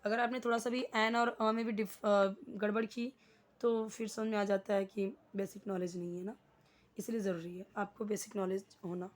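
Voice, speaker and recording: A woman teaching grammar, explaining in Hindi and reading examples slowly and deliberately. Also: mid-range voice, level tone. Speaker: English teacher. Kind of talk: slow classroom explanation.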